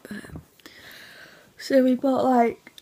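A young woman chatting casually in a vlog, her voice hoarse and nearly gone, half-whispering and sleepy, rambling with lots of fillers. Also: sits high, steady tone, drawn-out words, mellow. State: sleepy, yawning. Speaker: vlogger.

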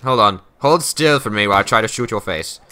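A man's voice: lowish voice, expressive, a little fast, sharp tone, clear, resonant tone. A young man playing a game with a friend, laid-back and joking, laughing often. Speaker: gamer and guest. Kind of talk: casual gaming chat.

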